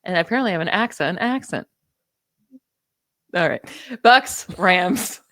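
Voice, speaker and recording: Lower-voiced woman with a New York accent. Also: lively intonation, sharp tone, no echo. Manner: stat-heavy, confident, quick asides. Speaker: podcast co-host. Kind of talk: casual sports chat.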